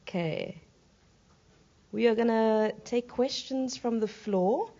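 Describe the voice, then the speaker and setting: Woman host steering a panel, even and measured, dull recording. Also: on the high side. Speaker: panel moderator. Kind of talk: moderating a workshop panel.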